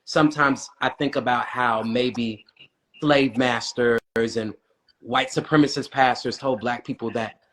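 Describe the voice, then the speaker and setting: Thoughtful man, mid-pitched. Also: fairly even intonation, a little slow, a bit bright. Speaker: guest. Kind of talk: casual conversation.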